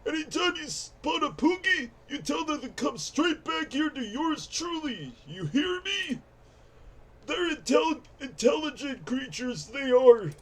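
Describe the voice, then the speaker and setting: A grumpy old codger of a game villager, rambles fondly in a pinched, strained voice. The pitch sits extremely high, and the delivery is slow and nostalgic. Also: male voice, very animated, a bit bright, heavily acted, rough recording. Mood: insistent, hopeful. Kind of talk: video game character read aloud.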